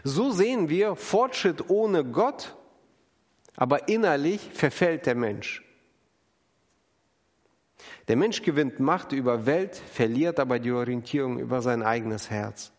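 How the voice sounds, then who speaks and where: A man's voice: medium pitch, lively intonation, unhurried, long pauses. A man preaching an earnest, emphatic sermon, acting out the people he quotes. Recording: long hall reverb.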